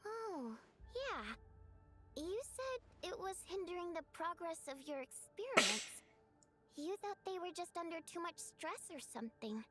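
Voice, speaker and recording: An actress voicing a quick-witted young woman performer in a video game, lively and questioning. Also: very high-pitched. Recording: game audio with faint music behind.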